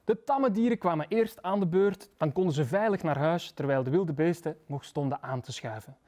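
A man with a Flemish accent reading a children's story aloud in a lively, playful way in a historic library reading room. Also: fairly high pitch, moderate pace. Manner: lively, playful, voices characters. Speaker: storybook reader, literature lecturer.

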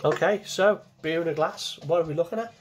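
A man's voice: fairly high pitch, fairly quick, over music. A man in his forties, talking casually to camera from a small home kitchen as he reviews a beer, chatty and repeating himself as he goes.

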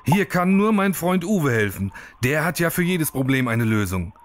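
A man's voice: on the high side, big pitch swings, moderate pace. A man doing a jittery little bat voice. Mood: anxious. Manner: anxious, pleading. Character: small timid male grey long-eared bat.

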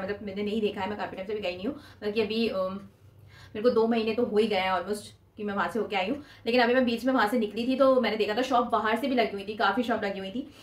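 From a small indoor room, a vlogger in her twenties holds up her shopping haul and chats casually to the camera. She has a mid-range voice, and the recording sounds roomy.

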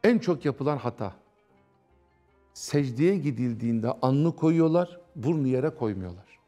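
A man giving a conversational religious talk on TV, animated and mimicking others as he explains. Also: mid-range voice, a little slow, soft background music. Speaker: preacher.

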